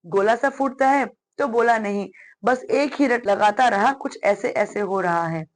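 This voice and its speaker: A woman's voice: unhurried, lightly acted. A woman reading aloud and voicing a worried middle-aged father who frets over his son. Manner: anxious, explaining at length, raised pitch.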